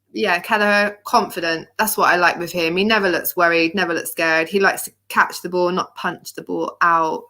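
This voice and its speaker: A woman leads a casual football panel chat, her voice sitting a little low yet bright and forward. She talks chattily, with frequent ums and restarts. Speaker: panel host.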